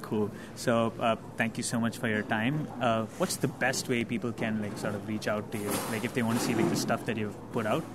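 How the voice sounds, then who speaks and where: A man's voice: lowish voice, little pitch movement, brisk, hardly any pauses, background noise. A man hosting a podcast, casually interviewing developers at a conference, laughing often and using many fillers. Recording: crowd chatter behind.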